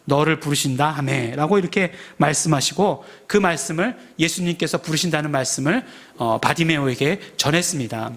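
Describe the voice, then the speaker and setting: A man preaching a sermon as pastor, in a conversational manner full of rhetorical questions and acted-out quotes. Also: on the high side. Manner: acts out shouted quotes of the crowd. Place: church sanctuary.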